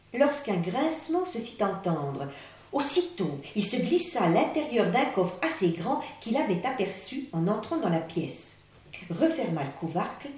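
A woman reading a story aloud in a theatrical way, moving between hushed and excited, recorded in an echoey room with the mic far off. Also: medium pitch.

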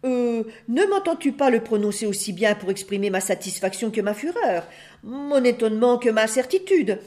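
A woman's voice: on the high side, lively intonation, normal speed, darkish tone, close to an everyday voice. A woman voicing a forgetful old parrot in a storybook, hesitant and pompous. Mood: flustered pompous.

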